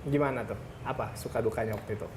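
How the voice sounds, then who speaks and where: Very low-voiced chatty woman host. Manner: chatty, lively interviewer with quick encouraging backchannels. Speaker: morning show host. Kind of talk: TV studio interview. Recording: noisy TV studio.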